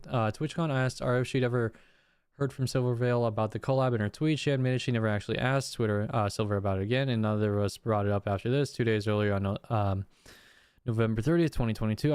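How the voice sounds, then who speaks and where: A man's voice: mid-range voice, clear, resonant tone, dry recording, studio quality. A man streaming, reading a document of messages aloud with casual commentary and the odd outburst. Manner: reads text flatly, breaks off with swearing and laughs.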